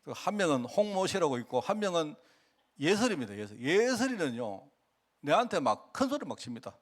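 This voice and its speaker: A male pastor with a Gyeongsang accent preaching a sermon in a colloquial, animated way, acting out conversations with people he tells about. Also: fairly high pitch, brisk.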